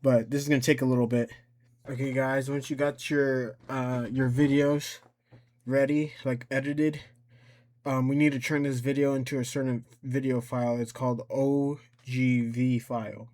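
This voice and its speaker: Explaining software step by step, this presenter speaks at a moderate pace in a level, average-pitched voice. His style is loose and unrehearsed, and he often mutters his thinking aloud to himself along the way.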